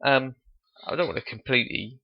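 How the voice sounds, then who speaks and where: A man's voice: mid-range voice, a little fast, gravelly. A man co-hosting a podcast, chatting casually and hesitantly about an old film, with a light chuckle. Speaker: podcast co-host. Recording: dull lo-fi podcast audio.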